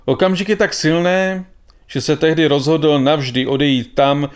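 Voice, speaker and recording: A man narrating a story in a calm, measured reading voice. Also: a little high, clear, resonant tone.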